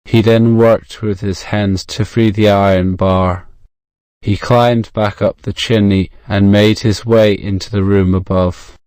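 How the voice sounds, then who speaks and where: A man narrates a story in a modern British accent, with a fairly low, crisp voice. His delivery is measured and fairly even, like an audiobook for learners, recorded close and dry. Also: dry recording.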